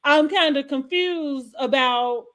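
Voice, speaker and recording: A woman with a fairly high voice chats casually as co-host of a TV recap show. She gives her opinions in a rambling way, often circling back to restate a point mid-sentence. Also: takes it slowly, crowd noise.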